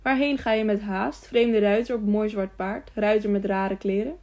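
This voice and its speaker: A woman's voice: medium pitch, steady tone, normal speed, mellow, lightly acted. A woman voicing a lonely, simple-minded young man who asks childlike, repetitive questions. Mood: eager.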